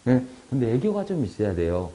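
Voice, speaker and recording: A man's voice: medium pitch, sing-song, brisk, warm tone. A middle-aged man giving an exam-prep lecture, digressing into chatty stories and anecdotes.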